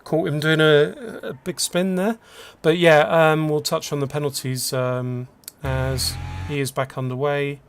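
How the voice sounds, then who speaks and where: A man's voice: a little high, fairly even intonation, unhurried, hardly any pauses, slight background noise. Man commentating sim racing. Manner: chatty, laughs along, lists penalties. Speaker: race commentator.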